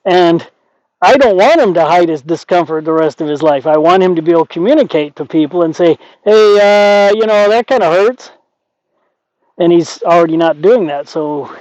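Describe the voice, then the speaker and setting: Older man, higher-pitched voice, talking horse training. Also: moderate pace, darkish tone, no echo. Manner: conversational, acts out imagined quotes. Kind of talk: casual explanatory talk to camera and companion. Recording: dull lo-fi audio.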